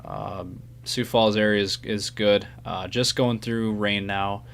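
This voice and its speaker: A man with a slightly low voice hosts live weather coverage. He gives casual, unscripted updates, with a faint hum behind him. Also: steady tone, takes it slowly, vocal fry, a bit bright. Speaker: severe weather livestream host.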